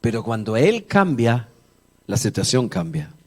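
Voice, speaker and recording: Preaching unhurriedly at medium pitch, a male pastor swings his voice through huge pitch changes during a church sermon. He chats and jokes with the congregation, bringing the story to life by acting out its dialogue.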